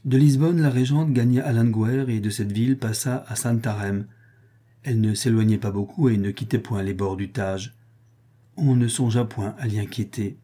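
A man reading a historical narrative aloud in a measured way, rising for dramatic passages. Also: on the low side, warm tone.

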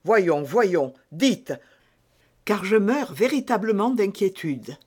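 A man's voice: high-pitched, animated, slow pace, a little mellow, slightly rough, voice pushed up, exaggerated voice. A man voicing a phlegmatic male musketeer in a story reading. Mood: anxious. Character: calm, dry older male musketeer.

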